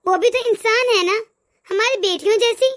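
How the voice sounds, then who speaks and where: A woman voicing a kind, wise middle-aged mother-in-law in a cartoon, who gently reasons and lectures. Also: very high voice, moderate pace. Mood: gentle advising.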